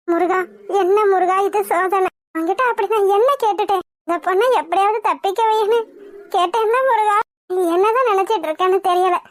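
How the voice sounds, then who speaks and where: A very high, thin voice from a performer playing a gentle-hearted young cartoon woman, sorrowful and pleading to the gods. The sound is close and dry, with no room around it. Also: no room sound. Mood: anguished. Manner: anguished pleading to god. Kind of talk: cartoon drama dialogue.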